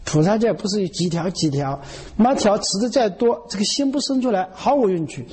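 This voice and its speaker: A man's voice: high-pitched, animated, brisk, darkish tone, in a large hall, slight background noise. A man giving an earnest Buddhist sermon, often checking that listeners follow him. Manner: earnest, keeps asking "you know?". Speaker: Buddhist teacher.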